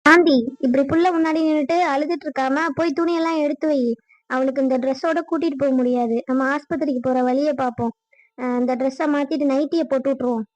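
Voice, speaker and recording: A woman's voice: sits high, steady tone, fast talker, no room sound, muffled recording, lightly acted. A woman voicing an older aunt who soothes and gives firm orders. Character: older aunt, steady and comforting.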